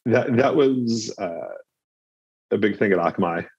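A man's voice: fairly low pitch, lively intonation, unhurried, breathy edge, dry recording. A man as an interview guest, speaking thoughtfully and repeating words as he searches for them, on slightly dull remote audio. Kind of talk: casual conversational interview.

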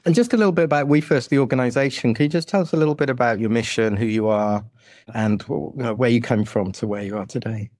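Podcast host: middle-aged man, medium pitch, introducing and interviewing, recorded dry. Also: fast, a little mellow, no echo.

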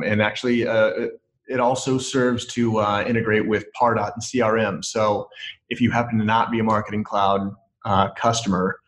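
A man co-hosting a podcast, explaining in quick bursts broken up by hesitations. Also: fairly low pitch, a bit bright, poor audio. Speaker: podcast co-host. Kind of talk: casual chat then explanation.

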